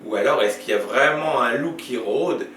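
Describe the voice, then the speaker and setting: A man's voice: medium pitch, moderate pace, a bit bright, reverberant, recorded from a distance, slight background noise. A man, a library storyteller, chatting casually with young viewers after a story, musing and asking questions.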